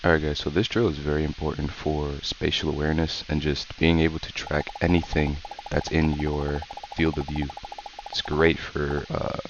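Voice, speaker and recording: A gaming channel host with a sore throat coaches viewers through a tutorial, speaking calmly, slowly and softly in casual commentary. His voice is a low rumble, captured on a dull lo-fi mic with faint hiss.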